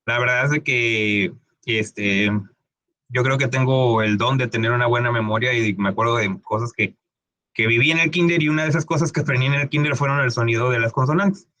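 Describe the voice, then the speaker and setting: Speaking a little fast in a bright, forceful, medium-pitched voice, an English teacher runs a casual pronunciation lesson recorded without echo. He stretches out words to demonstrate sounds and often asks "¿ok?", his conversational talk full of fillers and restarts.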